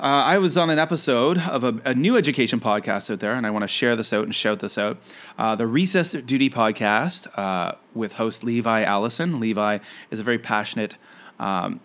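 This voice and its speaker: A Canadian man who is an environmental educator hosts a casual solo podcast, chatting in a friendly, rambling way full of fillers and restarts. His voice is fairly low in pitch and a bit bright.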